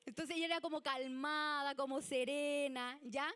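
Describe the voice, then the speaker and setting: A woman with a Chilean Spanish accent giving a church youth leadership lesson, chatty and animated. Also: sits high, normal speed. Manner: chatty and animated, acts out example people.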